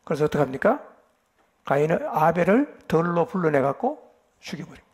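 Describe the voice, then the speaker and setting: A man's voice: a little high, big pitch swings, a little fast, slightly rough. A male pastor giving a Bible lecture at a church retreat, addressing the congregation directly with emphatic rhetorical questions. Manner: keeps addressing the listeners directly, with affirming "yes".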